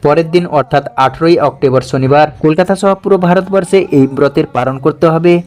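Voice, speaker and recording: A man plainly explaining the timings of a religious fast in an instructive way. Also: on the high side, a little mellow. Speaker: devotional presenter.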